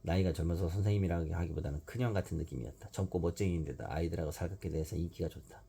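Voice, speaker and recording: A father reading a children's storybook aloud at bedtime, in a steady narrating voice. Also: sits low, rapid-fire, gravelly, breathy edge.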